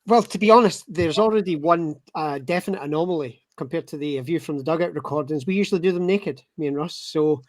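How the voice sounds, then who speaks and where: A man's voice: fairly high pitch, quick pace, hardly any pauses, no echo. A Scottish man in his thirties, guest-hosting a casual podcast chat, joking and rambling with lots of fillers. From Scotland. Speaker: guest host.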